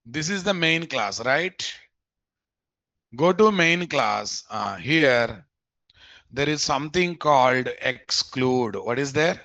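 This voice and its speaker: A man's voice: mid-range voice, animated, slow, bright, forceful tone, no room sound. A man with a Telugu Indian accent teaching a live coding lesson as an informal instructor, repeating phrases and checking understanding with questions. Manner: informal, addresses learners familiarly. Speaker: programming instructor.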